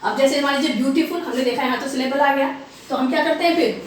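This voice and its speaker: A woman gives a classroom grammar lesson with a high voice. She explains slowly and repeats each example word. She sounds set back from the mic in a very echoey room. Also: recorded from a distance, a little hiss or hum. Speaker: English teacher.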